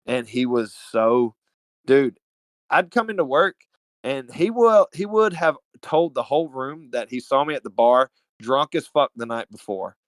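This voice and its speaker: A man from Alabama with a Southern US accent, telling stories as a podcast guest in an animated, slangy, profane way. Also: medium pitch, measured pace, dry recording. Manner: animated, slangy and profane, calls everyone dude. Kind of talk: casual storytelling chat.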